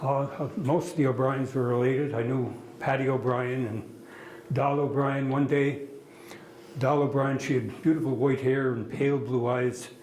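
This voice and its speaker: An older man from Quebec City introducing a guest speaker to an audience with a relaxed, humorous anecdote. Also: mid-range voice, measured pace, a little hiss or hum. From Quebec City, Canada. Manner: folksy anecdotal storyteller with easy humor. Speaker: event host introducing a speaker. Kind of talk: informal introduction at a heritage talk. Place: meeting hall with an audience. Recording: echoey hall.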